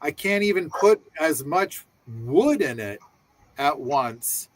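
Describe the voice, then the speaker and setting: A man's voice: a little high, expressive, slow pace. A man hosting a casual panel discussion, enthusiastic and rambling with many restarts. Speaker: host.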